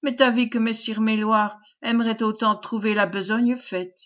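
A woman's voice: a little high, fairly even intonation, normal speed, a bit bright, muffled recording, natural voice. A woman reading as a sly falsely cheerful man.

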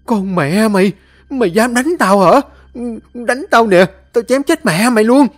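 A man's voice: high-pitched, measured pace, soft background music, voice pushed up. A man voicing a furious young woman pickpocket, screaming shrilly. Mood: enraged.

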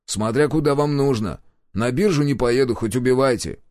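A man's voice: medium pitch, moderate pace, a little mellow, no room sound, studio quality, voice pushed up, natural voice. A man voicing a surly, foul-mouthed hunter who answers questions with questions. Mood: sullen. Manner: gruff, sullen, swearing.

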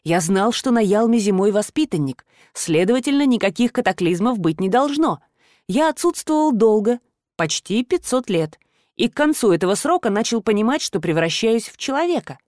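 A woman reads an audiobook, voicing a weary, regretful ancient male god who speaks in a measured, low, tired way. Her delivery has big pitch swings and is a little mellow, with clean studio sound and no room sound.

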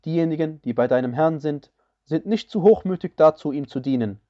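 A man reading a scripture translation aloud in a measured, solemn way, each phrase evenly paced. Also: a little high, dark tone, highs cut off.

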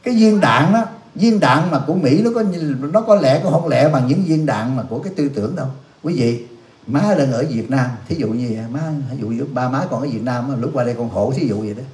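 A man's voice: mid-range voice, lively intonation, brisk, a little mellow. A man, a Buddhist monk, giving a blunt, scolding dharma talk and answering questions from the audience, teasing them with laughs. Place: youth center hall. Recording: echoey hall.

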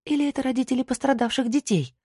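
A scared young woman in captivity, her voice tense and accusing, raised high above the narration, as the storyteller puts her on. The husky tone sounds close and dry. It suits an audiobook scene. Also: fast, darkish tone, no echo. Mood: frightened.

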